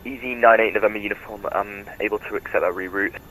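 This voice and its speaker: A man's voice: fairly low pitch, steady tone, quick pace, sharp tone, low-quality recording. A man speaking as a pilot over a headset radio, giving clipped air traffic readbacks.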